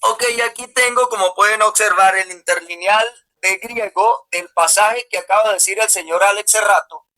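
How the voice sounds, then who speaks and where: Pastor guy on a video call, halting, very bright sharp voice. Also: high-pitched, low-quality recording. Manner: halting, fumbles with his camera and restarts words. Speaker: pastor in a debate. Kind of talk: online religious debate.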